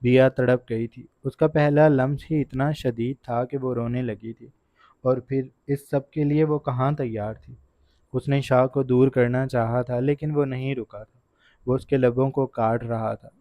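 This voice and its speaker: A man narrating a romance novel aloud in a steady, earnest storytelling manner, in a dry, dull recording. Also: mid-range voice, dry recording. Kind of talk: audiobook narration.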